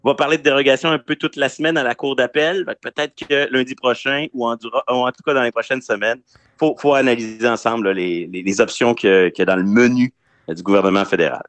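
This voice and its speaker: A man's voice: medium pitch, fast talker, a bit bright, no echo. A man with a Quebec French accent giving conversational legal analysis on the radio, explaining point by point. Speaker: legal commentator, regular columnist.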